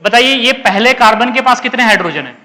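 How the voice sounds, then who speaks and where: Male chemistry teacher, slight lilt, high and bright, drills students with call-and-answer questions; echoey classroom with long reverb. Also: expressive, quick pace. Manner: calls students beta, asks and answers own questions. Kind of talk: classroom lecture.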